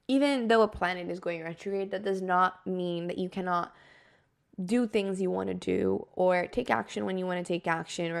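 Woman, podcast host, lowish pitch, vocal fry, casual explanatory style, conversational, reassuring, filler-heavy phrasing. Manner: conversational, reassuring, with frequent "like" and "kind of".

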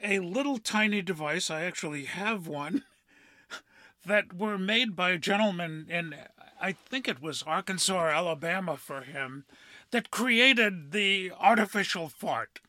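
A middle-aged man hosting a podcast, telling a story in a measured way with frequent pauses and "uh" fillers. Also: high-pitched, bright, forceful tone, dry recording. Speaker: podcast host. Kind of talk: storytelling monologue.

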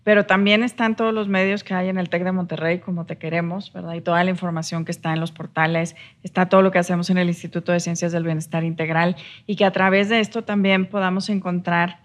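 A woman's voice: lowish voice, little pitch movement, fast talker, few pauses. A woman co-hosting a podcast, explaining ideas reflectively and ending points with rhetorical tags. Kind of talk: casual podcast conversation.

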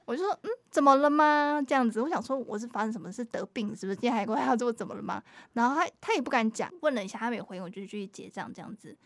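A woman's voice: a little high, rapid-fire, hardly any pauses, no echo. A woman, co-hosting a podcast and telling a work story while acting out the customers. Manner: animated storyteller, acts out customers. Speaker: podcast co-host. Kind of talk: casual chat.

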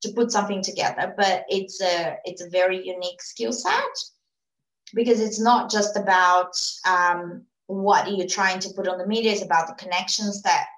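Her voice is mid-range and echoes off the room as she, a guest and PR agency owner, fields interview questions. She's an immigrant to Australia whose native tongue isn't English, and she speaks casually and earnestly, often filling pauses and starting sentences over.

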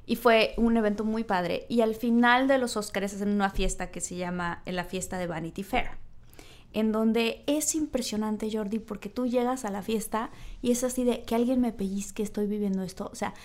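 A woman with a Mexican accent telling a story in casual chat, animated and full of fillers. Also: medium pitch, normal speed. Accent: Mexican Spanish. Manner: animated, acts out quoted voices, frequent fillers.

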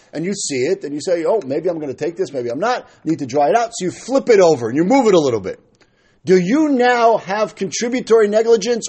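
A man's voice: on the high side, a little mellow, slightly rough. A man with teaching a Talmud lesson, reading phrases and explaining them as he asks and answers his own questions. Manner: argumentative, asking questions and answering them himself.

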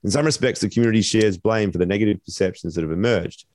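A man co-hosting a podcast, reading a measured intro and then musing aloud in a thoughtful, filler-laden way. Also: lowish voice, a little mellow, dry recording. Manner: measured, thoughtful, many "you know" fillers. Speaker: podcast co-host. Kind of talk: scripted intro then casual discussion.

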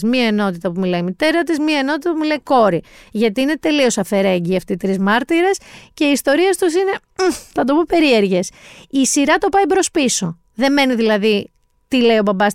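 A woman co-hosting a casual talk show, chatting lively and emphatically about new TV series. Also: on the high side, clean tone, no room sound, clean studio sound. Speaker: podcast co-host recommending series. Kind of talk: casual chat.

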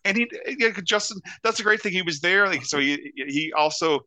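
A man's voice: high voice, lively intonation, normal speed, sharp tone, no echo. A man from Canada, a podcast guest, talking earnestly in casual chat. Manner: earnest, many fillers and restarts.

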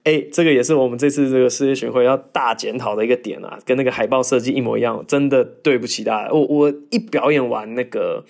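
A man hosting a casual podcast, reading listener questions and answering with animated, mock-exasperated rants and jokey asides. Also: medium pitch, quick pace, vocal fry, few pauses. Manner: mimics accents in bursts of English. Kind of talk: casual chat.

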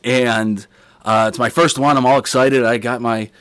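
Animated man telling a story, dry mic. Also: medium pitch, normal speed, clean tone, dry recording. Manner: animated, laughs mid-story, acts out chants and quotes. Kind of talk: casual storytelling.

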